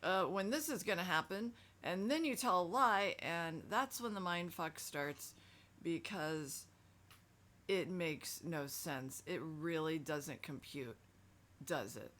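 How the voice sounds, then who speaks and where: A woman's voice: on the low side, slow, a bit bright, slight background noise. A middle-aged woman talking casually and emphatically in a self-help video, frank and conversational.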